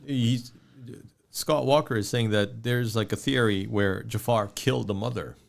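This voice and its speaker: A man's voice: lowish voice, vocal fry. Man co-hosting a casual movie chat. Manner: reads viewer comments aloud, halting, many restarts. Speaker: podcast co-host.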